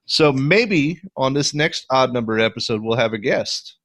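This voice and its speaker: A man hosting a podcast, bantering loudly with plenty of swearing and laughter. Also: mid-range voice, lively intonation, normal speed, no echo. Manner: loud, laughing, profane banter. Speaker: podcast host. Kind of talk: casual chat.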